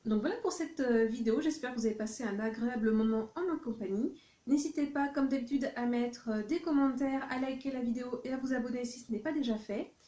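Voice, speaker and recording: A woman's voice: a little high, fast, mellow, echoey room. A woman vlogging from her home office, chatting through a shopping haul with many hesitant fillers. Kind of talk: casual haul vlog.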